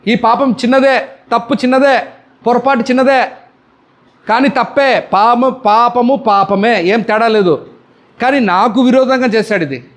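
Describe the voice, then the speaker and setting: Man, Telugu accent, pastor, sermon, high voice, questions the congregation. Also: measured pace. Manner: questioning the congregation, demanding answers.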